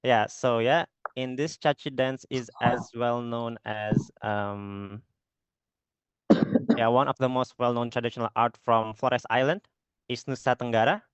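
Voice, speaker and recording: A man's voice: medium pitch, steady tone, unhurried, smooth, dry recording. Hesitant young Indonesian man presenting. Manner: hesitant, heavy with fillers, searching for words. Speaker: exchange student presenter. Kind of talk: unprepared online presentation.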